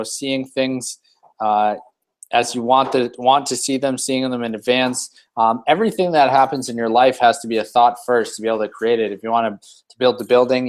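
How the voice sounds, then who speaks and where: Rambling man co-hosting a hangout. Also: medium pitch. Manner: loose and rambling, with many fillers and restarts. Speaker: co-host of a personal development hangout. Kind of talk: casual rambling talk.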